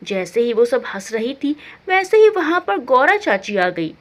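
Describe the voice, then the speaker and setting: A woman's voice: high voice, very animated, measured pace. A woman narrating a family moral story aloud, announcing each speaker's name expressively.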